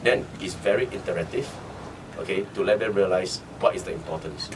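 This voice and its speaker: A man from Singapore who founded a training centre, speaking as a guest in a radio interview and getting animated as he acts out conversations. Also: sits low, fairly quick. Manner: animated, acts out dialogue in quotes. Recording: distant mic with faint background noise.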